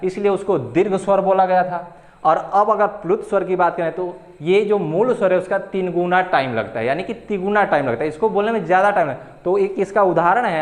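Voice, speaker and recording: Young male tutor, slightly high voice, patient and repetitive, exam-prep lecture delivery. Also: roomy sound. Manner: patient, repeats key terms slowly, asks and answers own questions. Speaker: teacher. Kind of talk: exam-prep Hindi grammar lesson.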